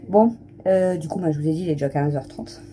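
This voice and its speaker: Her voice is deep and warm and she talks fast, with a little hiss or hum audible. She's a thirty-something family vlogger at home, fresh from the shower, chatting casually to camera and rambling with many fillers.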